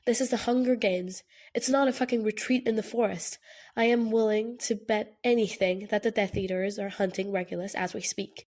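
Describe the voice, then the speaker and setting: A woman voicing a blunt, sharp-tongued young man in an audiobook, harsh and challenging. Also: mid-range voice, steady tone, normal speed, lightly acted. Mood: pleading, harsh.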